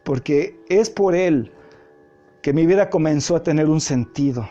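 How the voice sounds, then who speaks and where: An earnest male preacher gives a testimony sermon, speaking straight to the listener. His voice sits a little high but sounds dark and mellow. It comes through a muffled livestream with soft music underneath. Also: a little slow. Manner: earnest, direct address to listener. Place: home, livestream.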